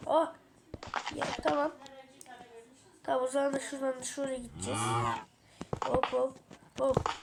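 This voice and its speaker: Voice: sits high, creaky. Çok gürültülü kayıtta tiz, çatlak sesli Türk oyuncu. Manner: chatty, with repeated short interjections and exclamations. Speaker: video creator addressing viewers. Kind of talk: casual gameplay commentary while building in a video game. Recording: very noisy home recording with clicks.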